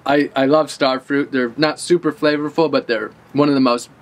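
In a casual vlog, an enthusiastic man in his thirties tours his outdoor urban garden before heading indoors by a bookshelf, eating and gesturing while he talks. His voice is medium-pitched and steady at a normal speed, with traffic audible in the background outdoors.

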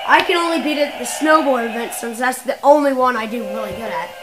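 High-voiced woman rambling over game music. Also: quick pace, rough recording. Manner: rambling, self-correcting, frequent restarts. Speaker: gameplay video maker. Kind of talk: casual gameplay commentary. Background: loud video game music.

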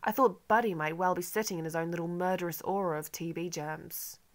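A woman narrating a first-person literary audiobook in a measured, wry manner. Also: on the low side, steady tone.

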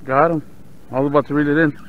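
A man with a South Texas accent giving relaxed running commentary while fishing from a kayak on open bay water, talking to the fish and his viewers. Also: on the high side, quick pace. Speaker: fishing vlogger. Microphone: action camera on the kayak. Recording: dull outdoor camera audio with faint water noise.

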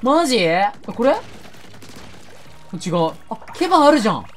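Excitable woman streamer type, higher voice, swings in pitch constantly, shouts reactions at the game while chatting to viewers. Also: takes it slowly, slight background noise. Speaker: gaming YouTuber. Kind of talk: game commentary.

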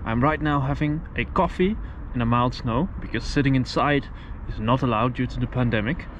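A man's voice: medium pitch, a little fast, lo-fi sound, a little hiss or hum. A man narrating a travel vlog in a curious, musing way while exploring a city outdoors. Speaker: travel vlogger.

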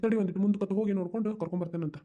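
A gruff, cautioning village grandfather from a homespun cartoon, speaking with a North Karnataka accent, played by a woman. His voice is dark and heavy, and the words tumble out at great speed. The recording sounds dull and lo-fi. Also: fairly even intonation, racing, natural voice. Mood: calm. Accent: North Karnataka Kannada. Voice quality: deep gruff put-on old-man voice. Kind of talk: cartoon voice acting.

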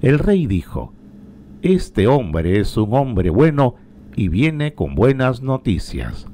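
A man reading scripture aloud in a slow, solemn way, lifting his voice for the quoted cries. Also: mid-range voice, big pitch swings, dark tone, slight background noise. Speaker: liturgical reader.

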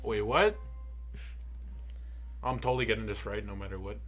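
A man's voice: lowish voice, music in the background. A young man playing along in a casual gaming chat, guessing at trivia answers in a playful, joking way. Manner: playful, guessing, quick to laugh. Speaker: guest player.

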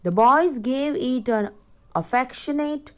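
A woman's voice: high-pitched, expressive, takes it slowly. A woman teacher reads a story aloud to her class and stops to explain difficult words to the children. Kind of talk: reading a story aloud in an English lesson.

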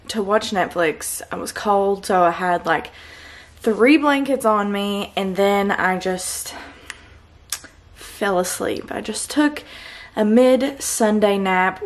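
A young woman talking casually to the camera in her home kitchen, chatty and upbeat, laughing often. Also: mid-range voice. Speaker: vlogger.

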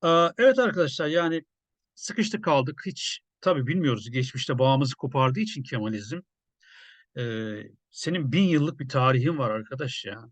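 A journalist commenting in a casual, conversational way, musing with many hesitations. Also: male voice, medium pitch, lively intonation, moderate pace, no echo.

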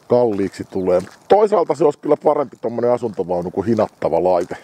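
A vlogger rambles to himself and his dog on a winter morning walk along a village road, swearing heavily in a walk-and-talk monologue. His voice is fairly low and dark, with slight background noise.

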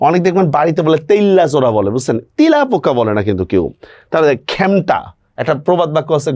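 A man's voice: a little high, a little mellow, no echo. A male teacher giving an online grammar lecture, explaining step by step and checking in with rhetorical questions.

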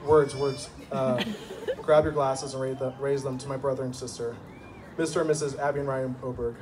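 A phone camera far across the lawn picks up a young man's best-man toast at an evening garden wedding, a crowd audible behind him amid the ambient noise. He speaks briskly in a mid-range voice with little pitch movement. His humor is wry and self-deprecating, built on stories that end in punchlines.

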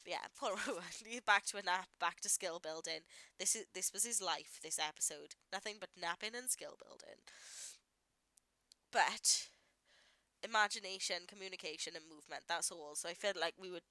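A woman's voice: fairly low pitch, normal speed, bright, forceful tone, dry recording, rough recording. A woman, a parent, giving chatty, rambling voice-over commentary on gameplay she recorded earlier. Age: adult parent. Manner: chatty and rambling, lots of "like" and asides. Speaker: gaming YouTuber.

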